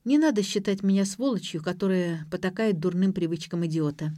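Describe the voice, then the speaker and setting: A woman voicing a rude, sarcastic teenage girl in an audiobook, defiant and sharp-tongued. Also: fairly low pitch, a little fast, no room sound, clean studio sound, close to an everyday voice. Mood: grim.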